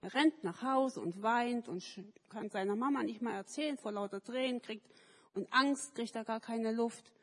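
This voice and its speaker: A woman telling children a story at a service in a slightly high voice, lively and questioning. Her voice carries a long echo from the hall. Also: moderate pace. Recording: echoey hall.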